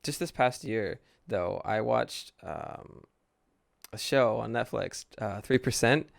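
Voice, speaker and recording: This relaxed podcast interview is hosted by a man from the United States who sounds hesitant and often starts his sentences over. He speaks slowly in a lowish, creaky voice, captured with clean studio sound and no room noise.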